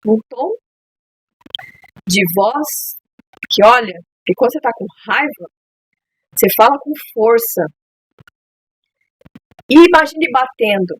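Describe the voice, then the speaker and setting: A woman's voice: fairly high pitch, expressive, slow, pauses often, breathy edge, no room sound, low-quality recording. A woman hosting a parenting talk, speaking in an earnest, heartfelt way and repeating phrases for emphasis. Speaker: podcast host speaking to parents. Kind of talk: earnest advice monologue.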